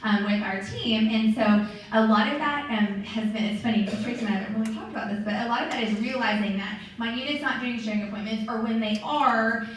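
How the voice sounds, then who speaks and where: A woman giving a lively, chatty motivational talk to a meeting of sales directors. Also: fairly high pitch, a little fast, slight background noise. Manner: lively, chatty, acts out quoted voices. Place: meeting room or hall. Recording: distant mic in a very echoey hall.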